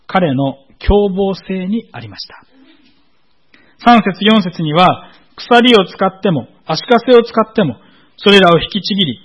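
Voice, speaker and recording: A man preaching a sermon in a measured, explanatory way, often pausing on filler words. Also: high voice, breathy edge, highs cut off. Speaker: pastor.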